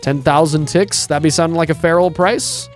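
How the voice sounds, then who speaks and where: Sneering pirate thugs plotting and threatening in gruff slang, straight out of a game, as a man puts them on. The voice sits a bit high for a man, with soft music underneath. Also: steady tone, normal speed, lightly acted. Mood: menacing. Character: scheming, surly male pirate crewmen.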